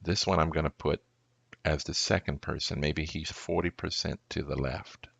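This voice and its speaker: A man, a pastor, walking through an audio recording tutorial in a slow, deliberate way, thinking aloud step by step. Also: very deep voice, fairly even intonation, creaky, fairly bright tone, breathy edge, no room sound.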